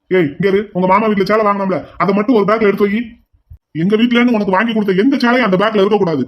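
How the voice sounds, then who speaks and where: A man's voice: sits high, natural voice. A man voicing an angry elder son in a cartoon, lecturing his family at length. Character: indignant elder son defending his wife. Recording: dull lo-fi audio.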